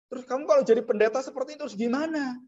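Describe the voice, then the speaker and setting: A man preaching a sermon as a pastor, animated, his voice rising high when he acts out frightened people and dropping low for solemn points. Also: very fast. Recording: dull lo-fi sound.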